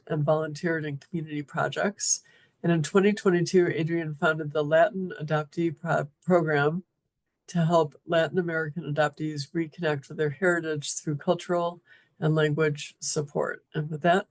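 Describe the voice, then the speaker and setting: A man hosting an online event, reading a prepared introduction of the guest speaker over a video call. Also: a little high.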